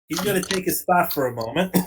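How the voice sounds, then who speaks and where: A man nearing forty with a slightly raised pitch. He talks in an earnest, explaining way during a casual podcast chat, peppering his points with "you know.". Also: slight background noise. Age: late 30s. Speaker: podcast co-host. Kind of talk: casual conversational talk.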